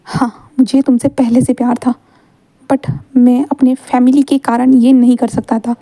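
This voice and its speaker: A woman's voice: a little high, level tone, normal speed, dark tone, dry recording. A woman voicing an earnest male teacher in a fan story read aloud. He insists and repeats his declarations. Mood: tender.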